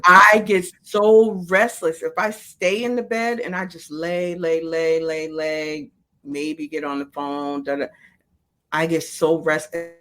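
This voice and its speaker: A woman's voice: sits low, flat delivery, slow pace, fairly bright tone. Middle-aged woman chatting as an interview guest. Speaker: sleep coordinator, interview guest. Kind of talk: casual conversational interview.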